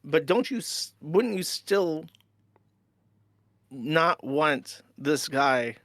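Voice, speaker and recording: A man's voice: on the high side, lively intonation, very slow, a bit bright, no room sound. A man calling in to a stream, laying out a step-by-step argument and pressing his point. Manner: reasoned, persistent arguing. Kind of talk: heated call-in debate.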